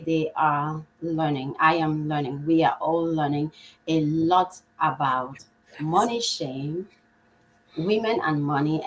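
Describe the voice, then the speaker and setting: A woman's voice: deep voice, a bit bright, a little hiss or hum, poor audio. A woman hosting a live podcast, upbeat and welcoming, now and then restarting her words. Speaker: podcast host.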